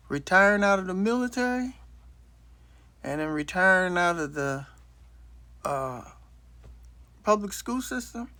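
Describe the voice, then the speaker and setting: Man in his late sixties, rambling blunt storyteller, fairly high voice, dry close recording. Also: sharp tone, no room sound. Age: 60s. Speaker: vlogger. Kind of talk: casual storytelling monologue. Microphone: self-recorded on a phone.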